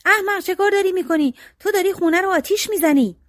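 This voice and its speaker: A woman voicing two angry, scornful older brothers in a storybook reading, scolding and shouting. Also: on the high side, sing-song, no room sound, studio quality.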